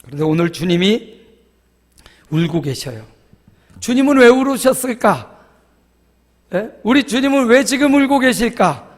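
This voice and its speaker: A male pastor preaching a sermon in a church, telling stories in an animated way and acting out groans and quotes. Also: very high voice, a little slow, long pauses, in a large hall. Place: church sanctuary.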